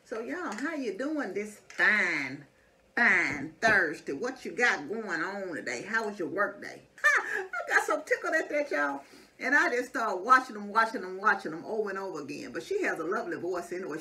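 A woman's voice: mid-range voice, sing-song, fairly quick, bright, forceful tone. A middle-aged woman rambling casually to her viewers over a meal, telling stories in a homely chat. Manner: rambling storytelling, addresses viewers as y'all. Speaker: mukbang vlogger. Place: small indoor dining room. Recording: distant mic, faint background noise.

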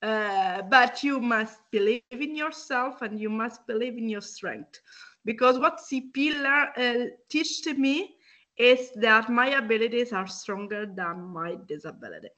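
A woman in her thirties from Italy, a guest on a video call, speaking slowly and earnestly with small laughs. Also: fairly high pitch, bright, forceful tone. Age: 30s. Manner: slow, earnest, laughs between phrases. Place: indoors at home by a window.

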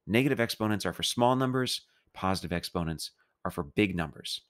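A man's voice: low-pitched, animated, brisk, a bit bright. A man teaching a recorded chemistry math lecture, explaining steps in a casual, playful way. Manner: casual, playful explaining with a loose, chatty delivery. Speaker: chemistry instructor.

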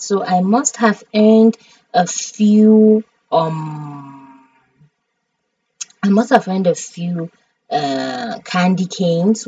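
Slow-talking Nigerian woman, dramatic streamer. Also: mid-range voice, no echo, distant mic, lo-fi sound. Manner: dramatic, expressive, chatty. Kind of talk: game stream commentary.

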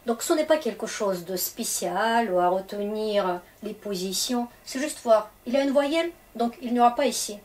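A woman's voice: a little high, animated, normal speed, hardly any pauses, a little mellow. A woman with a Russian accent teaching Russian grammar in French, explaining patiently and checking in often. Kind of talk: grammar lesson for French speakers.

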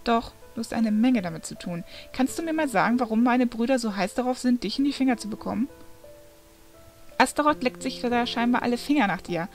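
A woman's voice: on the high side, animated, brisk, soft background music. Woman reading as a snappy young male demon. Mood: demanding. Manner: snappy, scolding. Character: angry young male demon, son of Satan.

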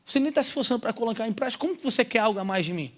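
A man voicing God in a sermon, gently rebuking a believer who will not practice what he was given. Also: extremely high pitch, expressive, very fast, exaggerated voice. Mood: disappointed. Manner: mild, disappointed scolding.

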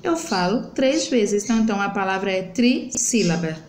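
A woman's voice: mid-range voice, expressive, normal speed, darkish tone, slight background noise. A young adult woman teaching children grammar, stretching words out syllable by syllable in a patient, explanatory way. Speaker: primary school teacher. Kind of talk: online grammar lesson for children. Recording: echoey room.

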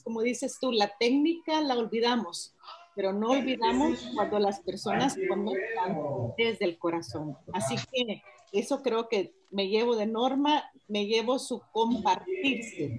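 A woman's voice: a little high, poor audio. Woman giving sincere feedback on a video call. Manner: affectionate, sincere. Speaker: webinar guest giving feedback. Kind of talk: heartfelt remarks on a video call.

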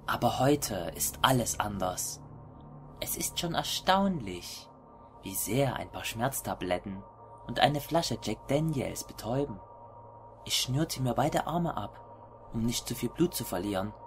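Man acting a hushed, creeping, deranged horror narrator. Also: medium pitch, expressive, a little slow, faint music behind. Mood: grim, dazed. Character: deranged, self-mutilating narrator of a horror tale. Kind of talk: scripted first-person horror narration.

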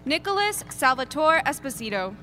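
A woman reading graduates' names at an outdoor graduation ceremony, announcing each one deliberately. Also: high voice, very animated, sharp tone, faint music behind. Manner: deliberate, lilting name announcing. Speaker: graduation name reader. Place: outdoor stadium ceremony over PA.

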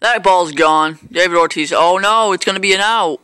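Bright, dry-voiced man rambling over gameplay. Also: sits high, normal speed, smooth, no room sound. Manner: rambling, self-mocking, hesitant with fillers. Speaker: gameplay commentator. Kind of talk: casual gameplay commentary.

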